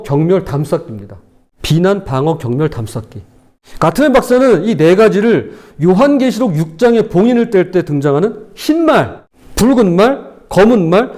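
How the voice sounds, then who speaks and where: Animated Korean pastor, lively high voice. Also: male voice. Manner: animated preaching, acting out quarrelling spouses. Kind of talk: sermon.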